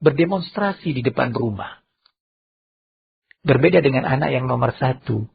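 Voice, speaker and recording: A man preaching a sermon in Indonesian-accented speech, animated, often raising his voice sharply to act out quoted speakers. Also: normal speed, vocal fry, slightly rough. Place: large mosque. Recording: muffled low-bitrate mosque recording.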